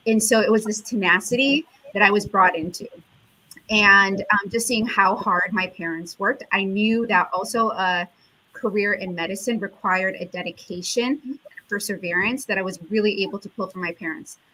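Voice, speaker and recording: A woman's voice: medium pitch, normal speed, bright, forceful tone, low-quality recording. A woman from the United States, an endocrinologist, giving an earnest, reflective interview answer with frequent fillers. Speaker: endocrinologist guest.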